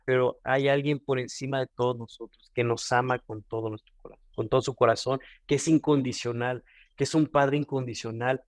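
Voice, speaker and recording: Mexican male devotional speaker, mid-pitched, earnest, dry close sound. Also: no echo. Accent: Mexican Spanish. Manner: earnest, repeats and restarts phrases. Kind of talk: devotional teaching.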